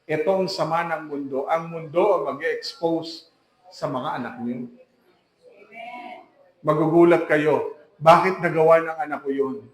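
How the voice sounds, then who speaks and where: A man's voice: on the high side, reverberant. A man preaching an emphatic sermon as pastor, full of rhetorical questions to the congregation. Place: church hall.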